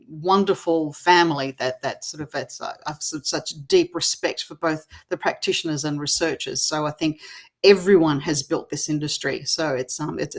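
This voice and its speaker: Middle-aged Australian woman with an Australian accent, low-pitched, thinking aloud in a relaxed interview. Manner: reflective, with many fillers and restarts. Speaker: interview guest, gamification expert. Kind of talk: conversational interview over video call.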